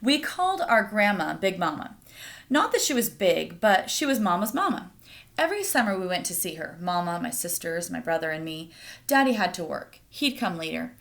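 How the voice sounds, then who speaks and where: Her voice sits on the low side, sing-song and creaky yet fairly bright, as she tells a picture-book story to young listeners. She speaks to them directly, breaking off to ask them things.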